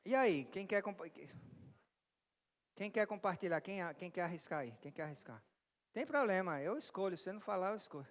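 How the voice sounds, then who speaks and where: Pastor de voz aguda, ecoando na igreja. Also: male voice, high-pitched, brisk. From Brazil. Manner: lively, asks the congregation questions and jokes with them. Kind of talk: interactive sermon. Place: church hall. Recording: long church reverb.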